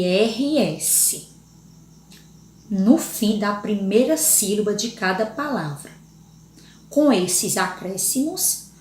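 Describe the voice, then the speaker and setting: In an echoey room with slight background noise, a woman of medium pitch teaches young children in Brazilian Portuguese. She works through letters and syllables with patience, regularly checking in with her class.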